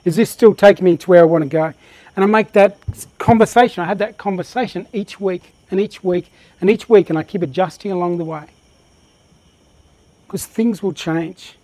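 A man leads a live motivational workshop, speaking with real passion and a lot of energy. His voice sits high for a man. It sounds dry and close, with no echo from the room. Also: a little mellow. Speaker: workshop presenter.

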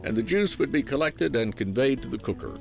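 A man with a Southern US accent narrating a documentary feature in a folksy, unhurried storytelling way. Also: mid-range voice, lively intonation, vocal fry. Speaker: program host and narrator. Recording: voice-over with music underneath.

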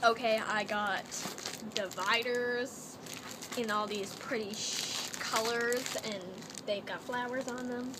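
A young woman from Canada, vlogging from her cluttered bedroom, chats her way through a haul video in a playful put-on accent, speaking slowly in a slightly high voice with fairly even intonation. The laptop webcam audio is noisy.

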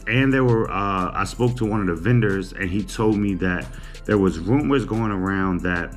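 Laid-back man chatting to camera. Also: on the low side. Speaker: vlogger. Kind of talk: casual chat. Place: small indoor room. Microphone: camera on a table.

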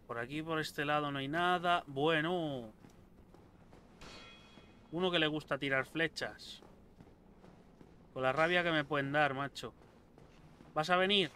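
Excitable gamer, bright voice. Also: male voice, a little high, slow, pauses often, a little hiss or hum. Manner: excitable, swears a lot, talks to enemies. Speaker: gameplay streamer. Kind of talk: casual let's-play commentary.

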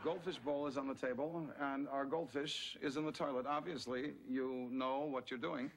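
Dry, exasperated sitcom dad played by an actor. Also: male voice, medium pitch, fairly even intonation, moderate pace, slight background noise, lightly acted, low-quality recording. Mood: dryly exasperated. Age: middle-aged. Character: exasperated, dry middle-aged family man. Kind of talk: sitcom acting.

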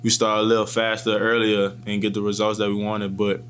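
A college football player in his twenties takes post-game questions at a press table in front of a sponsor backdrop. His fairly low voice stays flat, calm, and measured, though he restarts often. A faint hum sits beneath the table microphones in front of him.

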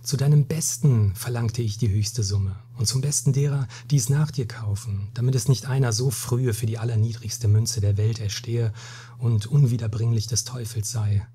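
Man reading spanish captain, weary, grave, scornful, very husky breathy voice, dark tone, storybook. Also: medium pitch, fairly even intonation, moderate pace, natural voice. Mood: solemn. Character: weary, hot-tempered Spanish captain, middle-aged man.

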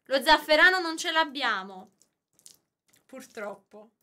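A woman's voice: high voice, lively intonation, takes it slowly, noisy background. A young woman co-hosting a casual cooking live stream, playful and teasing, laughing often. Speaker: guest co-host.

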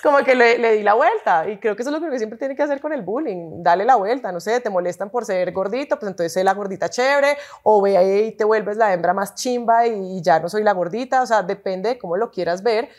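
A woman in her thirties with a Colombian accent, a guest in an interview who talks frankly and chattily, often agreeing with quick repeated words. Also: mid-range voice, a little mellow. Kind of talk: casual interview chat.

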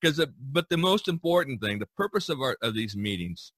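A male podcast host with a medium-pitched, slightly rough, bright voice talks very animatedly and fairly quickly. He rambles casually with artist friends in a dry recording.

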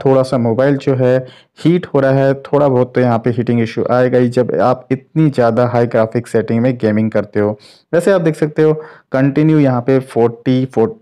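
A man with a warm, medium-pitched voice hosts his own tech channel, chatting casually with viewers as if they were friends. He explains things as he goes while testing games on a phone.

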